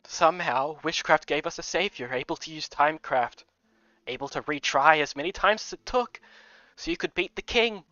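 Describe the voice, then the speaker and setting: A man's voice: fairly high pitch, normal speed, sharp tone, no echo, faint music behind. A man doing a sorrowful Scottish housemaiden. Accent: slight Scottish put-on. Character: older head housemaiden woman, sorrowful and apologetic. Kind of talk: game readthrough voicing. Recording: dull lo-fi recording.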